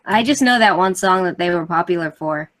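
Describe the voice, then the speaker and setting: A woman in her thirties chatting casually on a livestream, easygoing and quick to laugh. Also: on the low side, fairly bright tone. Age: 30s.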